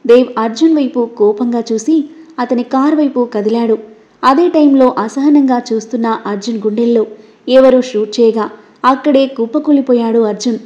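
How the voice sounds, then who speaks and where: A woman storyteller giving a scripted story narration in a steady, even reading voice. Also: fairly high pitch, normal speed, muffled recording.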